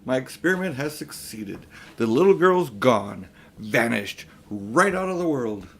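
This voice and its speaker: A pompous old magician uncle, as a male reader puts him on for a storybook. He is grandiose and condescending, talking down to others in a lively, swinging pitch. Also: measured pace, a little hiss or hum. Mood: triumphant. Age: older.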